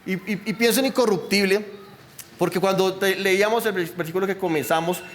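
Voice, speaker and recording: A man's voice: high-pitched, brisk, in a large hall, slight background noise. Male pastor, chatty sermon full of questions, faint room ambience. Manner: conversational preaching, asks the congregation questions. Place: church.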